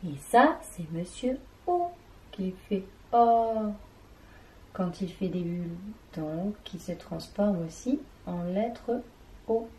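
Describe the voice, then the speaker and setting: A woman teacher giving an early reading lesson to young children, sounding out syllables one by one in a slow and deliberate way. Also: mid-range voice, lively intonation, a little mellow, slight background noise. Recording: echoey room.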